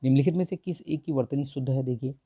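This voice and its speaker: A man with a hoarse, strained throat teaching a Hindi grammar lesson for an exam, going through test answers and repeating "okay" often. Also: mid-range voice, quick pace, dark tone, no echo. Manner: repeats "theek hai" constantly, corrects answers with mild humor.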